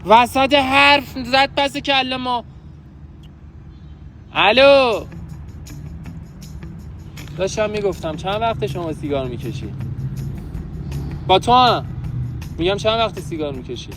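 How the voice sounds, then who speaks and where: A man's voice: high-pitched, expressive, long pauses, a bit bright. A young man doing a hidden-camera street prank outdoors in a park, with a brash, pushy, mock-scolding way of talking. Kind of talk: street prank, teasing banter. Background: background music.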